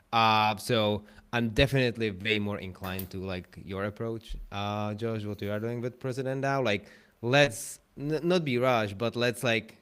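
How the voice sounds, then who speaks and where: A man speaks frankly in a relaxed discussion. His voice sits fairly low and comes across smooth and resonant. He speaks loosely, scattering "like" through his sentences. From Czech Republic. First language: Czech. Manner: casual, frank, uses filler "like" often. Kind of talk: casual discussion.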